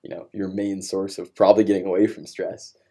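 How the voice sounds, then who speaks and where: A man's voice: low-pitched, a little fast. A young man, a college senior athlete, chatting casually on a podcast and rambling with fillers. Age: young adult. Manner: relaxed, rambling with "um" and "like". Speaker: student-athlete.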